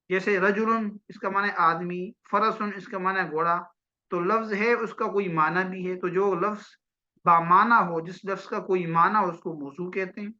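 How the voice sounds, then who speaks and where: A man teaching a grammar lesson, explaining step by step and asking his own questions before answering them, often checking with his listeners and reciting Arabic phrases slowly. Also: high-pitched, pushed and bright. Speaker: religious studies teacher. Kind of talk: classroom grammar lecture. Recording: dull lo-fi audio.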